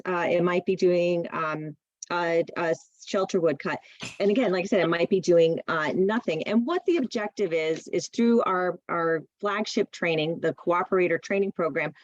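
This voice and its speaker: A woman's voice: fairly low pitch, no room sound. Woman presenting on a dull video call. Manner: friendly, informative, with fillers. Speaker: presenter, nonprofit executive director. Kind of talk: explaining to a public meeting.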